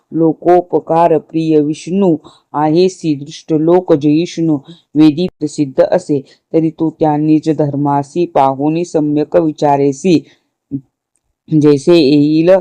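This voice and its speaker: A man reciting the lament of a personified month that pleads with a god, in slow, chanted devotional verse. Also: fairly high pitch, mellow, no room sound.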